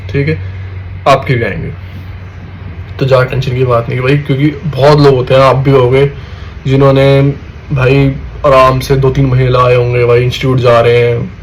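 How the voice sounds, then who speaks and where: The voice is a young adult man's, medium in pitch and darkish in tone, heard on a rough recording with slight background noise. He's a student vlogger chatting casually about exam tips, repeatedly calling viewers "bhai" and checking in with "theek hai".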